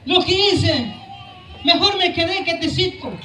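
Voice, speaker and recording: A man giving an impassioned testimony at a church service, preaching fervently and often shouting, with many repetitions. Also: extremely high pitch, expressive, measured pace, far from the mic, a faint crowd, slight background noise. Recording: echoey church room.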